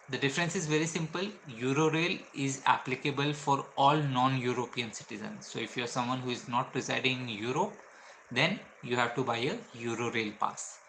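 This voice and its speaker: A man's voice: mid-range voice, pushed and bright, a little hiss or hum, low-quality recording. A man with an Indian English accent, a travel vlogger explaining train options step by step with frequent fillers.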